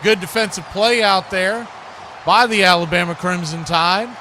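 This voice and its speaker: An American male sports commentator with a high-pitched voice calls live football at normal speed, his tone steady yet sharp. He switches between brief present-tense calls and chatty side remarks, over constant clear background noise.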